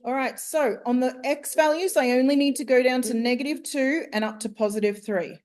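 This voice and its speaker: A woman's voice: high voice, steady tone, darkish tone. A woman teaching a maths class, working through a problem step by step and quizzing her students as she goes. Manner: slow, step-by-step questioning of students. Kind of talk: classroom lesson.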